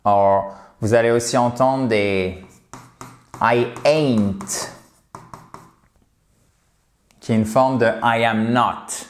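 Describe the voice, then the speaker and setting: A man's voice: mid-range voice, a little slow. Man with a cold teaching in an echoey room. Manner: chatty and emphatic, checks in with "d'accord?". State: has a cold. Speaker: English teacher. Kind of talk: casual spoken lesson to camera.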